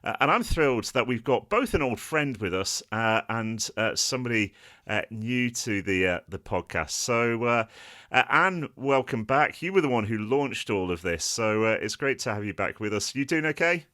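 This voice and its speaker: A man's voice: mid-range voice, expressive, moderate pace, bright, forceful tone. A man hosting a podcast over a video call, talking in a friendly, casual way with lots of "uh" fillers. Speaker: podcast host.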